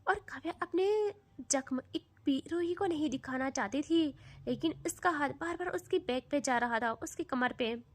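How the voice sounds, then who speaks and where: A woman's voice: high voice, normal speed. A woman narrating a casual audio love story, chatty, with asides to the listener.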